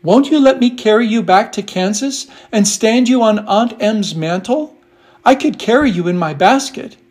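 A man's voice: sits high, lively intonation, normal speed, a little mellow, breathy edge, voice pushed up. A man voicing a kind, polite young girl who speaks earnestly.

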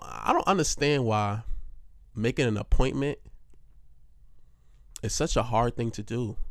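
A man's voice: mid-range voice, dry recording. Young man, loose rambling chat, swears and laughs a lot, dry close mic. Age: young adult. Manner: rambling, profane, laughs often. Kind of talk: casual storytelling monologue.

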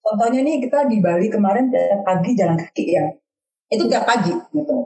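Woman guest from Indonesia, rapid chatty delivery, roomy echo. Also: mid-range voice, expressive, darkish tone, soft background music. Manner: chatty, lots of fillers and restarts. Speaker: podcast guest. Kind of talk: casual chat.

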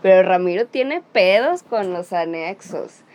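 A woman's voice: on the low side, expressive, unhurried, a little mellow. A woman with a Mexican accent hosting a casual chat, telling stories animatedly in slang and acting out the quotes. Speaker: podcast host.

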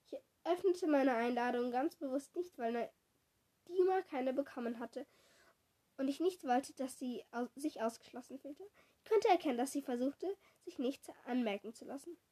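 A woman slowly reading a children's storybook aloud, correcting small slips as she goes. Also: high-pitched, animated, mellow. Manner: slow, deliberate reading with small self-corrections.

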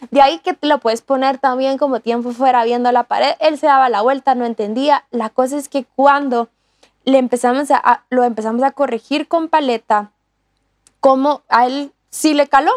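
A woman talks through a lesson earnestly, pausing and restarting often. Her voice sits high, and the sound is close and dry. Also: fairly even intonation, no room sound. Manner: earnest, many restarts and fillers. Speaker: co-host teaching on discipleship. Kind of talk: casual teaching talk.

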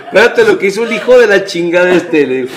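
A man's voice: high voice, expressive, fast, very noisy. A man with a Mexican accent, a comedian guest telling crude anecdotes with a lot of laughter. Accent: Mexican Spanish. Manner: crude, laughing, constant slang fillers. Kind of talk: casual comedic chat.

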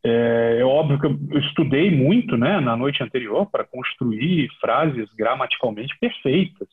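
A middle-aged Brazilian man, a TV sports reporter, chatting relaxed and full of fillers as a podcast guest. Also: mid-range voice, measured pace, breathy edge. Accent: Brazilian Portuguese. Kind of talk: casual podcast storytelling. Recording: tinny phone-like line.

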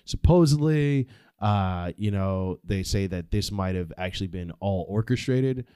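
A man's voice: deep voice, lively intonation, unhurried, warm tone, clean tone, no room sound, clean studio sound. A man hosting a podcast, delivering a casual, comedic monologue in a rambling, slangy, sweary way. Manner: informal, slangy, heavy swearing. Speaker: podcast host.

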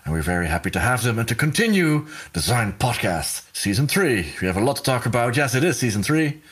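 A man's voice: mid-range voice, big pitch swings, fairly quick, fairly bright tone, breathy edge. A man hosting a podcast in casual chat, talking in a rambling way with restarts and laughter. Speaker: podcast host.

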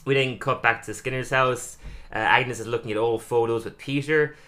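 A young man with a bright, forward tone co-hosts a casual podcast recap. He is animated and laughs often, slipping into the characters' lines as he retells each scene. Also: medium pitch, normal speed. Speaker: podcast co-host.

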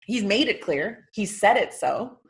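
A woman's voice: medium pitch, lively intonation, creaky. Playful woman co-hosting a sports podcast. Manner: chatty, playful, quick to laugh. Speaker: podcast co-host. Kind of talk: casual sports podcast chat.

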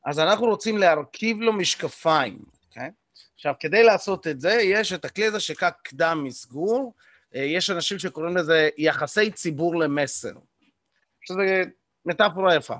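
Male workshop coach, fairly high voice, explanatory, hesitant fillers, keeps checking in with the room. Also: animated, fairly bright tone, no room sound, clean studio sound. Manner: explanatory, checks in often with the audience. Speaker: communication coach leading a workshop. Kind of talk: live teaching to a group.

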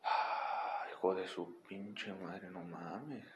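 A man's voice: low-pitched, steady tone, drawn-out words. A man with a Mexican Spanish accent, bantering crudely and joking in casual chat. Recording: echoey room, faint background noise.

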